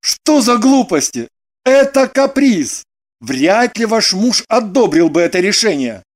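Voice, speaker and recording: A man's voice: sits high, big pitch swings, measured pace, full character voice. A man reading the part of a prim, self-important businessman in an audiobook, stiff and indignant.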